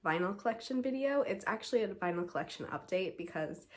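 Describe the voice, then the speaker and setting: A woman's voice: medium pitch, animated, fast. Congested young woman YouTuber, stuffy-nosed and sore-throated, gushy and chatty, lots of "like.". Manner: gushing, enthusiastic, says "like" often. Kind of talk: casual vlog chat. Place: at home.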